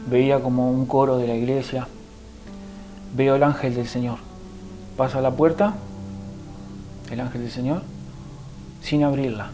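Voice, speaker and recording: A man's voice: mid-range voice, fairly even intonation, measured pace, long pauses, warm tone, faint music behind, low-quality recording. A man with a Rioplatense Spanish accent gives an emotional personal conversion testimony as a guest. He tells the story vividly and acts out what others said to him.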